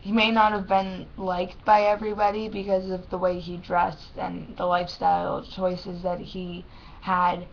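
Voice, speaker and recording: A young adult woman with a lisp and thick, swollen-tongue speech, talking haltingly and plainly in a casual personal vlog. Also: lowish voice, completely flat delivery, gravelly. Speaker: vlogger. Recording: dull lo-fi sound with faint noise.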